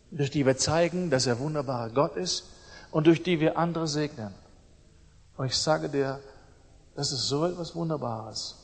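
A middle-aged man preaching a sermon, emphatic and repeating his phrases, swinging between loud outbursts and soft asides. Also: fairly high pitch. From East Germany. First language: German. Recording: long hall reverb.

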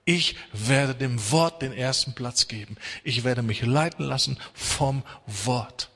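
A middle-aged man preaches with emphasis, rising to loud urging and dropping to hushed intensity. His voice is bright and cutting yet husky. The sound carries a long reverb, as in a large hall. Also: mid-range voice, takes it slowly. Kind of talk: sermon.

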